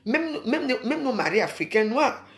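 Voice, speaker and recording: A woman's voice: on the high side, big pitch swings, moderate pace, reverberant. A woman from Cameroon, rambling casually to her viewers and calling them sisters. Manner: chatty, addresses viewers as sisters. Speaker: vlogger.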